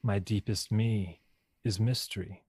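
A man leading a guided meditation in a hushed, slow voice, repeating calm affirmations. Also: fairly low pitch, breathy edge, dry recording.

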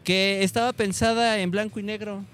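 A man with a Mexican accent chatting as a film show panelist, telling things in a slangy, halting way. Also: sits high, fairly even intonation, a bit bright. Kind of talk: casual panel chat.

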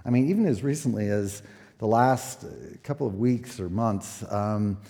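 A man in his sixties, a pastor preaching a sermon at a pulpit microphone, relaxed and conversational with many fillers. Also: fairly low pitch, normal speed. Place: church sanctuary. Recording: echoey church hall.

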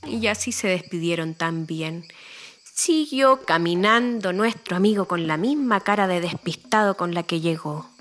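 A woman telling a children's story in an expressive, playful way. She takes her time, unhurried and deliberate, and her voice is bright and clear. Soft music plays faintly behind her. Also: on the low side.

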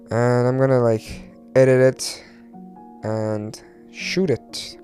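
Hosting a podcast on his own, a man originally from Iran who later moved to Turkey speaks in a fairly low, somewhat mellow voice. He's rambling and confessional, unsure of himself, self-deprecating, and casually profane.

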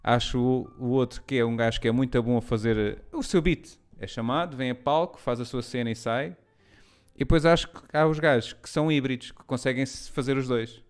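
Male, smooth clear voice, casual explanatory chat that keeps checking the listener agrees. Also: medium pitch, fairly even intonation, fairly quick, soft background music. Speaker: stand-up comedian. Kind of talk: casual conversation.

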